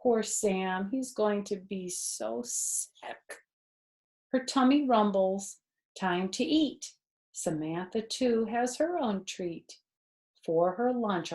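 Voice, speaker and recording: Sitting indoors in the living room, a grandmother in her fifties reads to the children in a mid-range voice, taking her time. Her delivery is expressive, and she pauses for simple asides, easy explanations of words, and questions for her audience.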